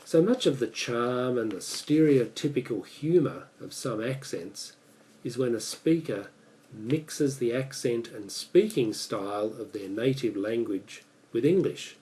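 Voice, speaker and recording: A man with an Australian accent giving a prepared speech about speaking clearly, in a measured, deliberate way. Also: medium pitch, expressive, warm tone, distant mic, slight background noise, low-quality recording.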